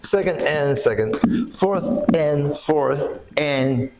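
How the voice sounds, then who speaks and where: A man's voice: a little high, slow pace, slight background noise, low-quality recording. A man working as a ballet coach in a private lesson, giving short directive cues and counting out steps rhythmically. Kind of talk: instructing a private dance lesson. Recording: loud music over the voice. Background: loud instrumental music.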